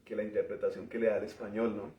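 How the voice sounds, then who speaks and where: A man preaching a teaching sermon, explaining word meanings in a measured way and often ending phrases with a questioning tag. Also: lowish voice, level tone, dark tone. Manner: pauses and restarts while working through word meanings. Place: church. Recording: roomy, distant, dull church recording.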